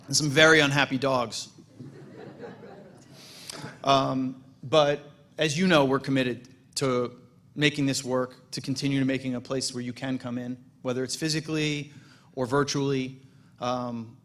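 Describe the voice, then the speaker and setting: A man, the president of a congregation, giving a relaxed welcome speech with self-deprecating jokes and frequent restarts. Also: medium pitch. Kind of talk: welcome speech at a holiday service. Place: synagogue sanctuary.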